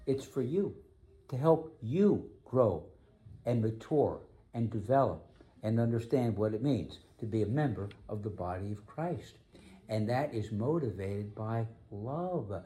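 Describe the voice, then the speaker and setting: A man preaching a sermon as pastor, emphatic, slowing down to stress key phrases. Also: lowish voice, expressive, mellow.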